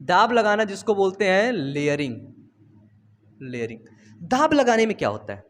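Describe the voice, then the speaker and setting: Young guy teaching biology, pretty high voice, jokey and chatty, keeps telling you to write it down. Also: big pitch swings, moderate pace, a bit bright. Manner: chatty and teasing, tells students to write along. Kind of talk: casual classroom lecture. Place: home studio.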